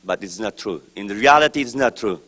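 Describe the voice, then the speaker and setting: With a lowish, animated and slightly bright voice, a man from East Turkestan presents formal prepared remarks at a press event. Each phrase is slow, deliberate and emphatic, trailing off as it finishes.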